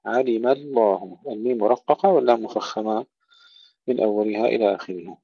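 A man teaching tajweed. He recites words slowly and carefully, then explains each rule in a plain voice. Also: fairly low pitch, gravelly, dry recording. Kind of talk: tajweed lesson with slow demonstrative recitation. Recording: dull, dry close recording.

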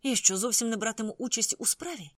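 A reader voicing a quarrelsome, hot-tempered young man who shouts high-pitched, indignant outbursts in an audiobook. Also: quick pace, dry recording, clean studio sound, natural voice.

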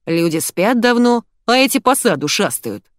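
A woman reading an audiobook, voicing an older, grumpy, sharp-tongued mother-in-law with a creaky mezzo-soprano voice and a barking, mocking way of talking. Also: mid-range voice, sing-song, moderate pace, no room sound, clean studio sound, pitched above the performer's own voice, natural voice. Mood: scolding. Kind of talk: audiobook character voice.

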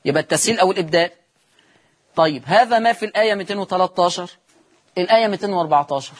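This televised recitation lesson features an Egyptian-accented man in a studio, modeling each Quran reading and posing questions he then answers. He talks very fast in a high voice.

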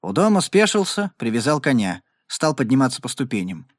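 Expressive male narrator, animated reading, dry booth. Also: medium pitch, a little fast, dry recording. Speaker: audiobook narrator. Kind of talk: scripted narration of a Western.

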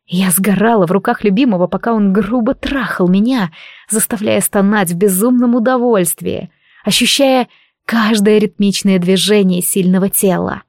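A woman reading an erotic fantasy novel aloud as scripted narration, slow, even and intimate. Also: mid-range voice, no room sound, studio quality. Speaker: audiobook reader.

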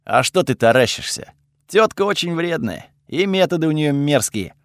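A man voicing a snarky, sharp-tongued male god spirit in an audiobook, curt and sarcastic, with a lively swinging pitch and a dry close sound. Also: normal speed, no echo. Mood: irritated. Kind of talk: audiobook character voice.

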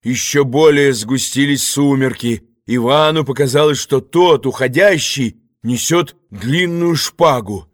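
A man reading a novel aloud as an audiobook narrator, deliberate and expressive. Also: mid-range voice, no room sound, clean studio sound. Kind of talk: scripted narration.

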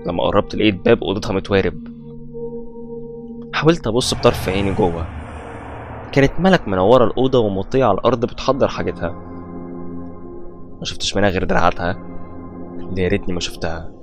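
A man with an Egyptian Arabic accent narrating a first-person horror story in a tense, scripted style. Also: fairly low pitch. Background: faint background music.

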